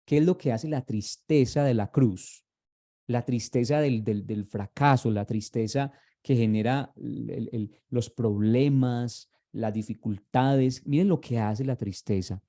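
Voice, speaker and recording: A man's voice: mid-range voice, unhurried, mellow. A man, preaching a sermon as a pastor, earnest and repeating his words as he fires rhetorical questions at the congregation.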